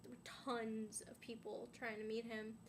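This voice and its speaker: Over a faint hiss, a young woman vlogger chats to her camera in a level, unhurried tone, rambling with plenty of "um"s and "like"s. Her voice is fairly high and slightly stuffy and sniffly from a sinus infection.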